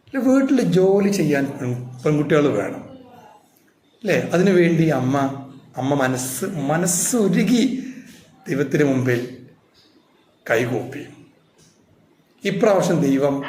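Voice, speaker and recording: A man's voice: a little high, a little mellow. A man teaching a spoken English class, telling a story playfully and asking his students rhetorical questions. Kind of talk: storytelling grammar lesson. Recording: echoey room with faint noise.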